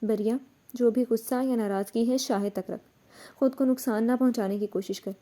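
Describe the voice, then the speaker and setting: A woman reading the part of an elderly mother-in-law, speaking in a gentle, coaxing way. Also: a little high, close to an everyday voice.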